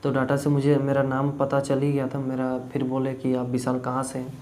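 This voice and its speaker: A young YouTube vlogger from Jharkhand, India, talks casually to camera about an audition, rambling with frequent fillers. His medium-pitched voice is completely flat and a little mellow at a moderate pace, with slight hiss or hum in the audio.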